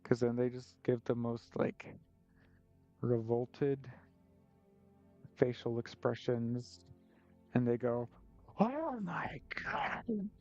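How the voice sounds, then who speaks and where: A man's voice: mid-range voice, completely flat delivery, takes it slowly, long pauses, mellow. A man, an artist, chatting casually on a live stream while he paints, joking about himself and rambling between laughs. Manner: joking, self-deprecating, rambling with frequent laughs. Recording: slightly muffled stream audio with faint music.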